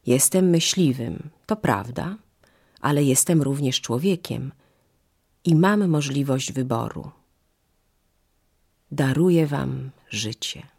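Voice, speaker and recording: A storyteller with a slow, gravelly, husky voice voicing a rough male hunter who speaks with quiet gravity. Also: mid-range voice.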